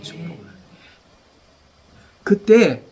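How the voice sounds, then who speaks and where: A man preaching a sermon as pastor, animated, repeating phrases and leading the congregation in call-and-response. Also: high-pitched, drawn-out words.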